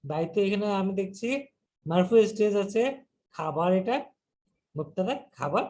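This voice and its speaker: A man teaching an Arabic grammar lesson, slowly repeating words and breaking them down step by step. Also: high-pitched, darkish tone.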